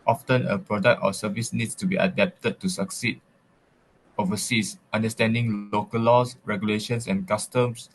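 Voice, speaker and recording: A man with a fairly low voice gives interview answers that sound read from a script. His delivery is formal and recited, with full sentences and little hesitation. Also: steady tone, normal speed, a little hiss or hum, poor audio. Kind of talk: reading prepared answers.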